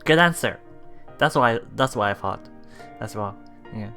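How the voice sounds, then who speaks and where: Reading through a visual novel for her let's play stream, a woman reacts with giggles, excitement and lots of expression. She has a bass voice and a moderate pace, and faint music plays in the background.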